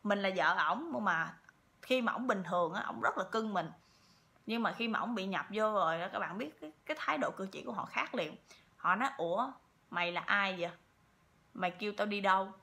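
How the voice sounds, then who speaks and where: A woman's voice: medium pitch, animated, brisk, vocal fry, bright, forceful tone. A woman telling a story to her viewers in a chatty way, repeating words often. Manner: chatty, with many repeats and fillers. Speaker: vlogger.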